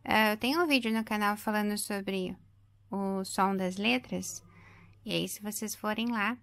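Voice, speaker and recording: A woman's voice: mid-range voice, unhurried, fairly bright tone, no echo. A woman, explaining an English grammar lesson and repeating example words patiently for her students. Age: 30s. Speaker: English teacher.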